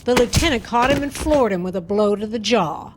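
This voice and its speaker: A woman's voice: on the high side, lively intonation, a little fast, noisy background. Woman narrating a radio drama.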